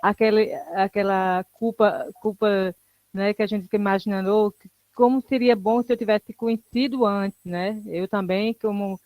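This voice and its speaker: A woman's voice: mid-range voice, a little mellow, no room sound. A woman pastor chatting in an online church service over a video call, affirming the preacher in a conversational way.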